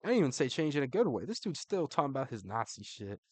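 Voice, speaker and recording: This fighter-ranking commentator speaks fast at a medium pitch in a sing-song way, with no echo. Casual and slangy, he swears, keeps saying "bro" and laughs between his remarks.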